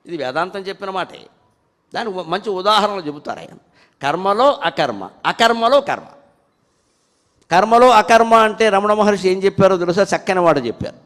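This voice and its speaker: A man speaking with a Telugu accent, giving a devotional discourse. He explains plainly and then chants verses slowly and fervently. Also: high voice, expressive, fairly bright tone. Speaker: spiritual speaker. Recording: hall reverb.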